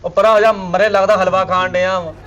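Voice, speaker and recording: A man's voice: high voice, little pitch movement, fast, muffled recording, a crowd in the background. A man with a Punjabi accent in a comic sketch, complaining with sarcasm and exasperation. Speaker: comedy sketch actor.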